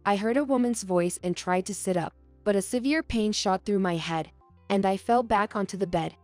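A woman's voice: mid-range voice, moderate pace, a little mellow, no room sound, soft background music. Woman narrating a heartfelt story. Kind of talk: scripted first-person story narration.

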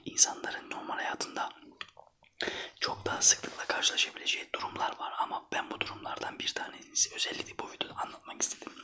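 A man from Trabzon in Turkey whispering a casual, rambling ASMR anecdote in breathy, colloquial, foul-mouthed speech. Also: sharp tone. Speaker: ASMR storyteller.

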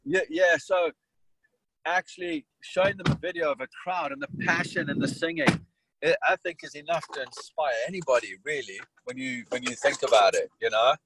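A man's voice: on the high side, normal speed, background noise. A man from Malawi and South Africa, a soccer coach, answering interview questions in a rambling way with many restarts and fillers.

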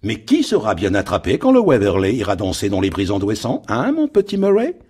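A man's voice: lowish voice, huge pitch swings, fairly quick, a little mellow, breathy edge, pitched above the performer's own voice, full character voice. A man voicing a scheming, greedy shipowner with a metallic, mocking voice. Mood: gloating. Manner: mocking, gloating. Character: greedy scheming middle-aged male shipowner.

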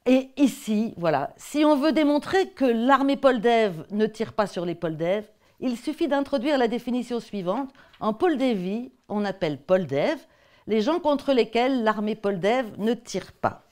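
A woman's voice: fairly high pitch, animated, unhurried, darkish tone. A woman with a French accent giving an academic talk on textbook excerpts, conversational and hesitant, often repeating words. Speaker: lecturer.

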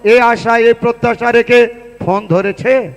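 Booming high-pitched Bangladeshi prize announcer, echoing PA. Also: male voice, steady tone. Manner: booming, showman-like prize announcer, drawn-out calls and rhymes. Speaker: lottery draw announcer at a fair. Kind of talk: live prize draw announcing. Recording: echoing PA with long reverb.

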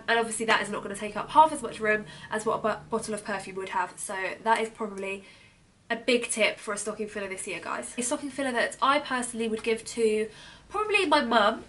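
A young British woman with a fairly high voice talks through products in a casual, upbeat way. Her voice is a little hoarse, and she fills gaps with frequent ums. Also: a bit bright. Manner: chatty, enthusiastic product talk with many ums. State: losing her voice. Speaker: beauty blogger. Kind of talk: casual gift-guide vlog.

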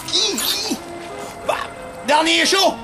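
A man's voice: very high-pitched, expressive, extremely slow. A man with a Québécois French accent cutting a manic, screaming, swearing backyard wrestling promo. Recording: music playing loudly behind.

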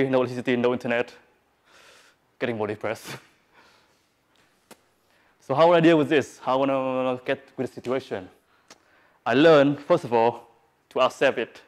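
A man speaks English at a live presentation. He hesitates a lot, filling gaps with "uh" and "um" and restarting phrases. His voice sits in an ordinary middle pitch. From Vietnam. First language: Vietnamese. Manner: hesitant, many fillers and restarts. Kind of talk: live talk on stage. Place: event hall with audience.

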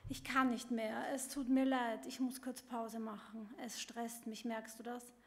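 Woman reading a stressed mother bird, scolding, fretful, higher pitch, hall reverb. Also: little pitch movement, measured pace. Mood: exasperated. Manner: scolding, exasperated.

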